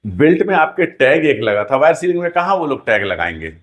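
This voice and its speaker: A man's voice: mid-range voice, sing-song, fairly quick, lo-fi sound. A man teaching a rigging class, explaining terms and repeating key words back to his students as questions. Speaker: rigging instructor.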